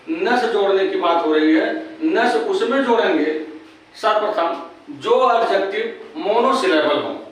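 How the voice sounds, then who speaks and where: A man from Uttar Pradesh teaches grammar in a fairly high voice. He repeats key terms slowly and patiently. The sound is distant, heavily echoing and carries a faint hiss. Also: a bit bright. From Uttar Pradesh, India. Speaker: English teacher. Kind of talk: classroom grammar lesson. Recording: very echoey room, distant mic, faint noise.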